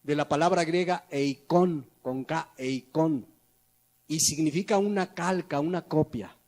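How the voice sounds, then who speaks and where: A man with a high voice preaches a sermon from the pulpit of a church. He poses rhetorical questions to the congregation and lets his voice sink low at the close of his phrases. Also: unhurried, a little mellow. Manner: preaching with rhetorical questions and sudden drops in volume. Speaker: pastor.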